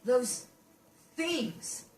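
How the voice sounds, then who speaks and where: A terrified young boy lost in a ruined wasteland, played by a woman, pleading for help in a raised, high voice. His panicky pleas come from a short way off the mic in a roomy space. A faint hiss sits under the game sound. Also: big pitch swings, drawn-out words, distant mic, heavily acted. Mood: frightened.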